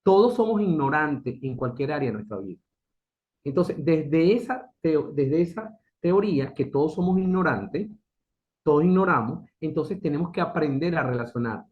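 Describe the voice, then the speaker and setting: A man's voice: a little high, lively intonation, moderate pace. A middle-aged man giving an earnest motivational talk as a business consultant, asking rhetorical questions and repeating key phrases. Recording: dull lo-fi recording.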